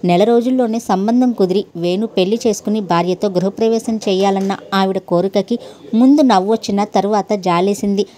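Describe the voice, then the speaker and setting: A woman reads a family story aloud in a steady, unhurried storytelling voice. Her tone is mellow and warm, sitting at an ordinary middle pitch. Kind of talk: narrating a Telugu story, voicing every character.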